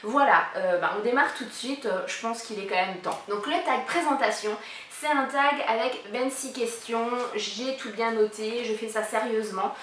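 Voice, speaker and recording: A woman in her thirties hosts a casual vlog for a collab channel, chatting through a tag's questions with plenty of fillers. Her voice is fairly high and a bit bright, at a moderate pace. The room echoes, the mic sits a bit far, and there's slight background noise.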